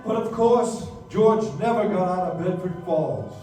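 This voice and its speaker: High-voiced angel storyteller played by a man. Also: mellow. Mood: storytelling. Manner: explanatory, measured storytelling. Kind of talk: radio play narration. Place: live stage in a dance hall. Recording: echoey dance hall, distant, faint music.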